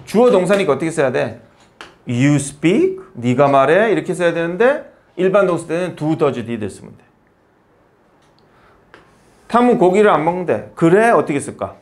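Lively casual male English teacher. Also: a little high, moderate pace, pauses often. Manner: explains patiently in short spoken phrases, asking and answering his own questions. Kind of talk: casual grammar lesson in Korean.

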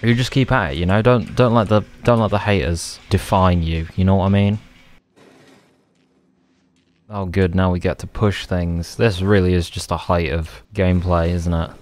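A man cracking sarcastic jokes as he plays a horror game. His voice sits fairly low, with a casual, joking delivery. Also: steady tone, normal speed, hardly any pauses. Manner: sarcastic, jokey. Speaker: gaming commentator. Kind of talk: casual gameplay commentary.

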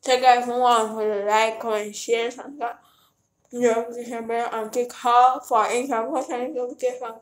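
A woman's voice: on the high side, flat delivery, normal speed, echoey room. A woman vlogger talking to her viewers in a loose, rambling way with toothpaste foam in her mouth. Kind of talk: casual vlog chat.

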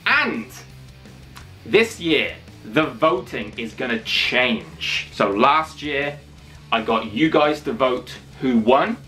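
A man in his thirties hosting a video, making an enthusiastic announcement to camera with energetic, hammy emphasis and drawn-out phrases. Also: medium pitch. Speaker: YouTube wrestling channel host. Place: small indoor room with posters. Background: music.

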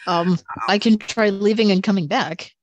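A woman's voice: mid-range voice, normal speed, lo-fi sound, slight background noise. A woman chatting casually as a tabletop game player, talking hesitantly with many fillers, her voice coming through a glitchy online group voice chat that cuts in and out. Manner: hesitant, lots of um and uh. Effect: glitchy online group voice chat, cutting in and out.

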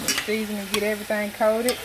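A woman's voice: medium pitch, completely flat delivery, fast talker. A woman chatting casually to viewers while she cooks in her home kitchen, filming on a phone in one hand. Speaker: cooking vlogger. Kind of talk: casual cooking chat. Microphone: phone camera held in one hand. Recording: noisy home kitchen, pan sizzling.

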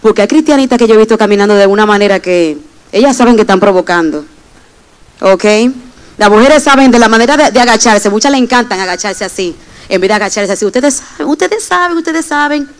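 Young woman preacher delivering an emphatic sermon with testimony, voice a little high. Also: lively intonation, fast talker, low-quality recording. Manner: emphatic, addresses the congregation directly.

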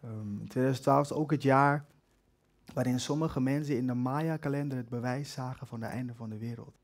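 A man's voice: mid-range voice, steady tone, fairly quick. Brief: young male spoken-word performer, hesitant and wry personal storytelling. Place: live stage with an audience.

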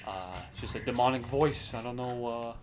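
A gamer plays a video game and comments on it, chatting casually and playfully in slang. His mid-range voice runs at normal speed, with background noise present.

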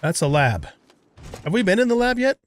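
A man's voice: sits high, big pitch swings, moderate pace, slight background noise. A man giving casual gameplay commentary, musing aloud in a rambling way. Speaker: gamer narrating a let's play.

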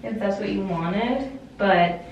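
A young adult woman with a mid-range voice gives a casual, rambling vlog update, speaking slowly from inside a small closed bathroom. Her camera sits a short distance away, so the audio is distant and dull. The room is echoey, with some background noise.

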